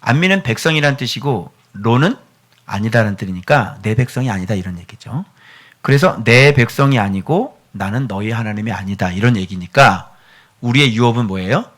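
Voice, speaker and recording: A middle-aged man preaching a sermon as pastor, animated, moving between hushed whispers and near-shouts. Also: fairly low pitch, normal speed. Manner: acts out a doting father's voice.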